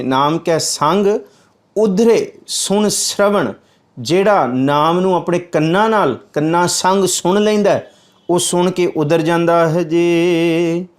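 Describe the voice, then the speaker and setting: A man with a fairly high voice gives religious scripture commentary, slowly reciting verses and then explaining them in plain speech.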